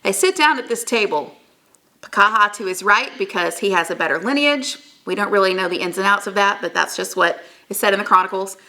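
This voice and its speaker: A woman telling a history story as a lesson in an animated, chatty way, full of asides. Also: medium pitch, creaky. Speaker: history teacher.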